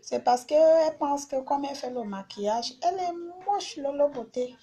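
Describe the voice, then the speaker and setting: A woman's voice: high voice, animated, moderate pace, dark tone. A woman hosting a live stream, talking casually and bluntly, repeating herself as she insults her critics.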